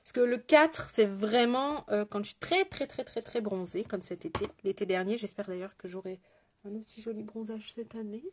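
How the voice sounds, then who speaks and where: A woman's voice: mid-range voice, moderate pace, noisy background. A woman with a French accent, a makeup artist chatting casually through a live tutorial, greeting viewers and joking about herself. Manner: chatty, greets viewers, self-mocking asides.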